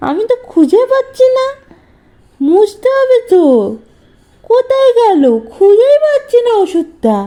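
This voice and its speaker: A mother speaking soft, cooing, sing-song baby talk to her sick infant. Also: extremely high pitch, big pitch swings, a little slow, long pauses.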